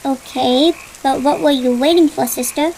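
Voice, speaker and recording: A woman's voice: high-pitched, steady tone, normal speed, creaky, a little mellow, a little hiss or hum, rough recording. A woman voicing a curious young boy in a dubbed cartoon, who keeps asking why. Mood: curious, questioning. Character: curious inquisitive young boy, Abdul Bari.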